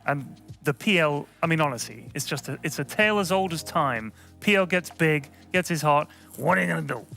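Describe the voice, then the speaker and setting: A man analyzing a match on an esports desk, animated and full of restarts. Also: on the high side, moderate pace, few pauses, soft background music.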